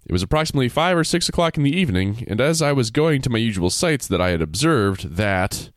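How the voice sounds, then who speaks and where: A man's voice: medium pitch, big pitch swings, fast talker, no room sound, studio quality. A man co-hosting a casual podcast, reading a story aloud with playful jokey asides. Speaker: podcast co-host reading stories.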